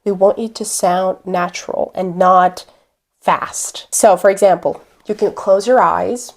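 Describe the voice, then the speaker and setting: Deliberate-speaking woman coach. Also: medium pitch, fairly even intonation. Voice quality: deliberate, clear pacing with pauses. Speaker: accent coach. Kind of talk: instructional talk to camera.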